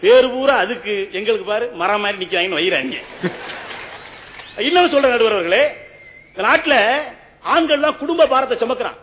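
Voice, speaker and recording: Very high-voiced man, comic stage debater. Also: animated, brisk, pauses often, a bit bright, big-room sound, slight background noise. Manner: humorous, rhetorical, often addresses the judge.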